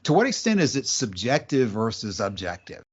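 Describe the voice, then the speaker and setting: A lower-pitched man leading a casual podcast talk, setting up each topic and handing it over with a question. The sound is somewhat muffled and lo-fi. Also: big pitch swings, moderate pace, husky. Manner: guiding, asks questions. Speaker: podcast host. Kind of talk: casual discussion.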